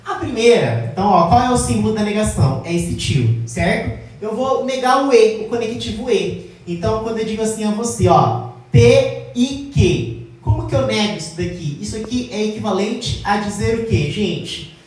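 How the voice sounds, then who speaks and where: A woman teacher explaining logic at a whiteboard, often checking in with the class and slowing down to stress key terms. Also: mid-range voice, lively intonation, a little mellow. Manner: addresses class as "gente", checks with "tá?"; slows down to stress key words. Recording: very echoey room, mic far off.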